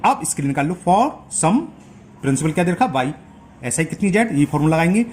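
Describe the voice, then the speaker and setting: A man teaching a maths lesson step by step, often pausing to check that students follow. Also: a little high, animated, darkish tone, a little hiss or hum. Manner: explains step by step, checks understanding with rhetorical questions.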